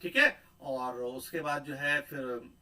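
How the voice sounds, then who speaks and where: A man giving a pronunciation lecture, repeating sounds and words slowly and often checking in with a tag question. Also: medium pitch, sharp tone, low-quality recording.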